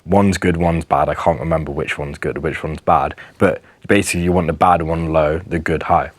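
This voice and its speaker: Low-voiced young man giving earnest advice. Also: fairly even intonation, moderate pace, no room sound. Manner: earnest, emphatic, with restarts. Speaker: wellness vlogger. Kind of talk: casual advice monologue to camera.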